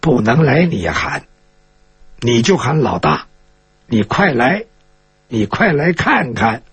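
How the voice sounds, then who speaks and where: A man storyteller voicing a stern young swordswoman who gives curt, threatening orders in a lowered voice. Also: big pitch swings, normal speed, breathy edge, dry recording, heavily acted.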